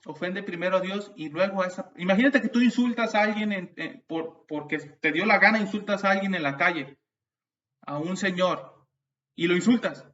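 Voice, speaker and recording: A man's voice: high voice, normal speed, a little hiss or hum. A man preaching a sermon, telling stories and turning to the congregation with asides. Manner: storytelling, animated, with restarts and asides to the congregation. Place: church. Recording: distant, dull mic sound.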